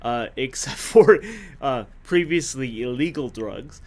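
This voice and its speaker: A man in his fifties, appearing as a podcast guest, tells his own story casually and haltingly, with many fillers and self-corrections. His voice sits in the mid range.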